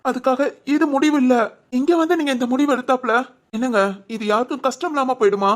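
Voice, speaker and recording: A woman voicing a gentle young husband in a dubbed cartoon drama, earnestly pleading and reassuring. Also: high voice, fast, lightly acted.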